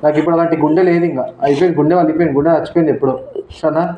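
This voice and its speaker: A man turns someone down in a cold, insistent tone, firing off his words quickly. The recording is roomy and slightly dull, with faint background noise. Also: fairly high pitch, fairly even intonation, dark tone. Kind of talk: emotional scripted skit.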